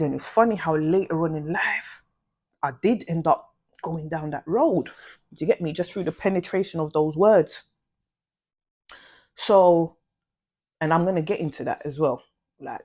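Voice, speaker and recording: A young woman telling a slangy, animated storytime vlog. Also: low voice, normal speed, long pauses. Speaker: vlogger.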